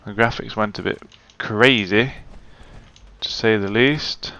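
A man's voice: lowish voice, slow pace, bright, forceful tone, dry recording, highs cut off. A man giving casual, muttering gameplay commentary and swearing freely. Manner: chatty, swears, mutters to himself. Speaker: let's play gamer.

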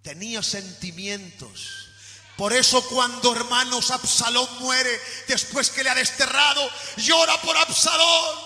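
A man from Spain preaching a sermon in a church, shouting at his peaks and dropping low in between. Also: huge pitch swings, a little slow. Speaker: pastor. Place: church hall. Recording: echoey church hall recording with faint music.

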